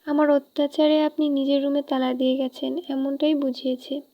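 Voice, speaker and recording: A woman's voice: sits high, level tone, moderate pace. A woman reading a storybook, voicing an emotional, pleading young woman in love. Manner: pleading, tearful. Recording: dull lo-fi recording.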